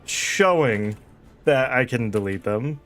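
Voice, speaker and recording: A man's voice: mid-range voice, animated, slow, a bit bright, soft background music. A man giving casual game commentary, easygoing and thinking aloud as he plays. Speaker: game streamer.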